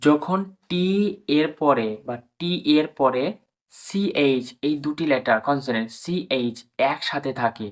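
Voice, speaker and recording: A man's voice: medium pitch, measured pace. A man teaching English pronunciation to viewers. He spells words out letter by letter, drawing out each sound, and keeps urging the viewers as friends to understand. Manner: addresses viewers as friends and urges them to understand.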